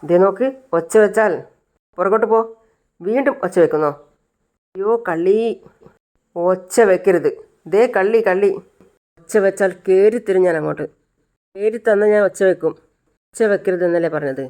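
A woman voicing a sly, bossy woman intruder who hushes and threatens sternly. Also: mid-range voice, moderate pace, long pauses, lightly acted. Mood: threatening. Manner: stern and hushing, commanding.

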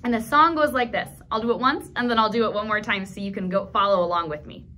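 A fast-talking woman in her thirties with a mid-range voice runs a library storytime in a small indoor room. Her instructional talk to toddlers and their caregivers is lively and encouraging, phrased simply and clearly for young children. Some light hiss or hum can be heard.

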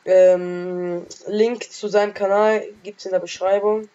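A woman casually commentating her own game as a let's play gamer, trash-talking excitably, with a sore throat and frequent coughs. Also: mid-range voice, slow pace, dull audio.

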